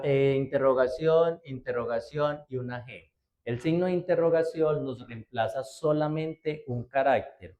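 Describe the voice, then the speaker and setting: A man's voice: on the high side, darkish tone. A man teaching a spreadsheet class, explaining step by step in a patient way and often checking that his students follow. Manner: patient, step by step, checks understanding with frequent "¿cierto?". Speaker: computer class instructor.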